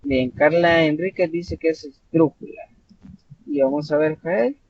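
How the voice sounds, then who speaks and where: A man's voice: a little high, fairly even intonation, unhurried, darkish tone. A Salvadoran man tutoring an online class, explaining patiently with many fillers and self-corrections. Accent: Salvadoran Spanish. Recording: dull lo-fi online class audio with faint noise.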